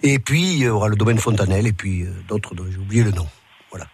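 Fast-talking husky man, eager guest. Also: on the low side, a little mellow, no echo. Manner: eager, piles up details. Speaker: food association president, guest. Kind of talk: conversational radio guest.

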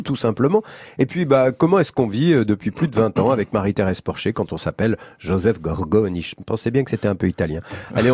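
A man's voice: lowish voice, a little mellow, breathy edge. A man hosting a radio interview in a studio, prompting his guest with attentive questions. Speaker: radio host.

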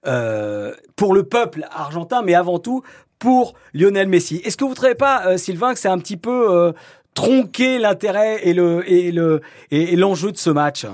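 A man's voice: sits high, animated, normal speed, darkish tone. A man hosting a radio sports chat, teasing and full of hesitations. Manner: hesitant, many fillers, teasing. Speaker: radio host.

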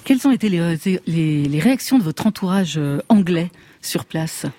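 A man hosting a radio music show, briskly introducing guests and asking questions. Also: a little high, animated, mellow. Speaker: radio host.

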